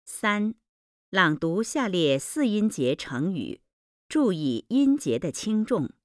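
Very slow, deliberate woman reading drills. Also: medium pitch, sing-song, no room sound, studio quality. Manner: deliberate, carefully enunciated word by word. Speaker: language lesson reader.

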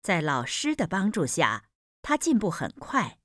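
A woman's voice: lowish voice, huge pitch swings, a little slow, fairly bright tone, no room sound, studio quality. A woman reading demonstration sentences for a pronunciation lesson, enunciating each one carefully in a textbook-recording style. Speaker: Mandarin pronunciation lesson reader. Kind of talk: slow, deliberate textbook recording.

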